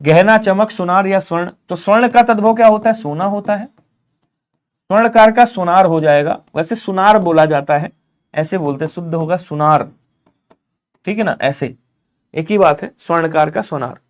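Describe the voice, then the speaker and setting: High-voiced man teaching a quick class. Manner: urges viewers to comment quickly, answers in students' voice. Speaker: Hindi teacher. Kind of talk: live online exam-prep class.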